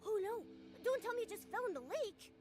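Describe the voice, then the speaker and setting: A small, loyal video game creature who is excitable and anxious. The voice is squeaky and extremely high, swinging widely in pitch. Music runs behind it. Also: female voice, fairly quick. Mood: dismayed. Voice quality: squeaky, childlike. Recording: music under the voice.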